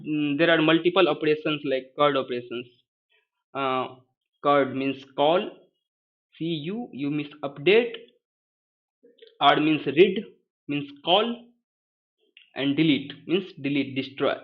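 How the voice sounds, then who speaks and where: A man with a thick Hindi accent gives an informal lesson in hesitant, halting English, often repeating words and phrases. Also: on the high side, narrow, tinny audio. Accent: thick Indian (Hindi). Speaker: first-time tutorial presenter.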